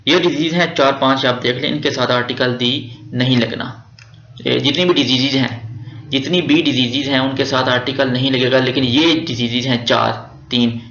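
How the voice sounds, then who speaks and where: एक पाकिस्तानी लहजे वाला पुरुष शिक्षक, जो व्याकरण के नियम बार-बार दोहराकर धीरे-धीरे समझाता है।. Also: male voice, mid-range voice, creaky, a bit bright. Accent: Pakistani Urdu. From Pakistan. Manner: repetitive, drilling rules step by step. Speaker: teacher. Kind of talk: grammar lecture. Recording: echoey room, dull lo-fi sound.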